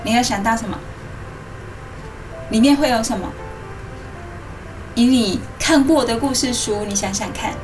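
A woman hosts a children's story programme, reading as if to a toddler, in animated simple phrases with coaxing questions. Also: a little high, a little slow, pauses often, recorded from a distance, low-quality recording. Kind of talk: interactive storytelling to young children, asking questions. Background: music.

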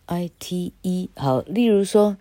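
A woman gives a casual English lesson, chatty and wandering off topic, tagging phrases with "ha" and spelling words out slowly. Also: lowish voice, expressive, warm tone, no echo. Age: 60s. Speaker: English teacher.

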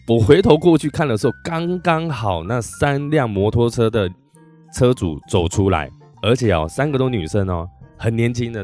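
A man, a podcast host and musician, telling a story in a casual monologue, animated, acting out quotes and often restarting his sentences. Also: on the low side.

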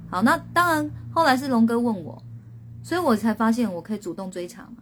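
A woman's voice: fairly high pitch, very animated, fast, a bit bright, slight background noise. A woman, a spirit medium hosting a casual live stream, telling a story and reading out viewers' guesses with lots of laughter.

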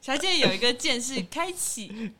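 A woman's voice: high-pitched, expressive, moderate pace, background noise. A young woman with a Taiwanese Mandarin accent, reacting and giggling in casual chat.

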